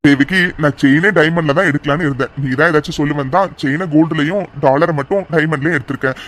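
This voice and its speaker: A man as a brisk, fond cartoon father, a bit high-voiced. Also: fairly bright tone, lightly acted. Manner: fast, fond, coaxing talk. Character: doting, reassuring father, a man. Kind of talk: cartoon dubbing.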